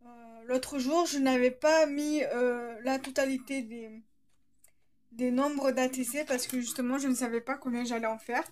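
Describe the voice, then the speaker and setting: Woman, slight lisp, unhurried delivery, thinking aloud, hands-on tutorial host. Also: high voice, fairly even intonation, a little mellow. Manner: hesitant, thinking aloud as she works. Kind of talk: casual hands-on tutorial narration.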